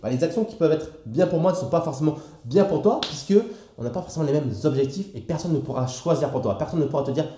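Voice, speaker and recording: A man's voice: a little high, quick pace, mellow, reverberant, a little hiss or hum. A young French man explaining stock investing to the viewer in a familiar, casual way, full of fillers. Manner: familiar, addresses the viewer directly with frequent fillers. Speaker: investing educator.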